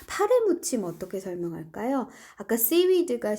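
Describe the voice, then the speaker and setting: Middle-aged woman teacher doing an online english lesson, bouncy pitch, bit of gravel in the voice, takes english examples real slow. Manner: lively, explains step by step, slow drawn-out English examples. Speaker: high school English teacher. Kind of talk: recorded online class lesson.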